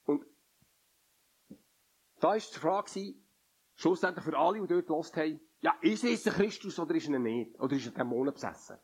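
A man preaching a sermon in an earnest, pleading way, his phrases often sinking to a quiet murmur. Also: animated, normal speed, long pauses, breathy edge. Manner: earnest, pleading, drops to a low murmur at line ends.

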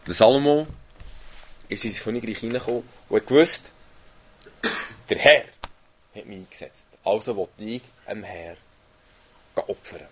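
A man's voice: fairly low pitch, moderate pace, pauses often, breathy edge. A man giving an earnest sermon, reading Bible passages aloud and often adding tag questions. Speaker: preacher.

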